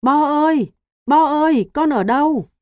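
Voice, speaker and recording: A woman reading an audiobook voices a frantic father shouting loudly for his son. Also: high-pitched, animated, unhurried, no room sound, studio quality, pitched above the performer's own voice. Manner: loud calling and shouting.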